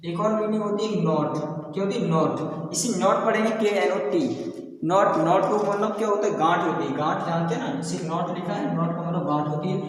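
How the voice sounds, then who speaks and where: A man with a high voice teaches a classroom lesson, drilling his students with repeated questions and calling them children. He stands well away from the microphone in a hard, echoing room with a long reverb tail. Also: brisk. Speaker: English teacher. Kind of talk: classroom lesson on silent letters. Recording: echoey classroom from far off.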